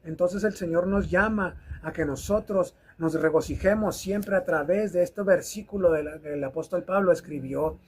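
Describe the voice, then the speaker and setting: A man's voice: sits high, normal speed, few pauses, breathy edge. A man preaching a recorded video sermon, fervently exhorting his listeners and repeating phrases for emphasis.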